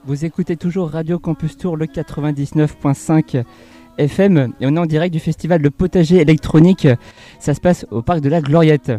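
Mellow-voiced man hosting live radio. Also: a little high, a little fast, faint music behind. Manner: relaxed, casual, laughs easily. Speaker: radio host. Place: outdoor festival park.

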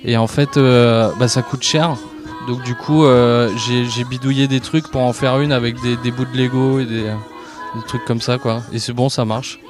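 A man's voice: medium pitch, flat delivery, normal speed, over music. Hesitant young man in a radio interview. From southern France. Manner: hesitant, many fillers, easygoing laughs. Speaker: guest musician. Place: outdoor festival park.

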